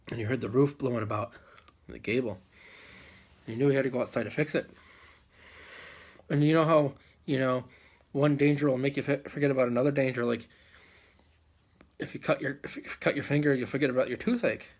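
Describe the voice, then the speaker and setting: Husky-voiced man telling a folk story. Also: mid-range voice, fairly even intonation. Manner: unhurried with dramatic pauses and repeated phrases. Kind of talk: live oral folk storytelling.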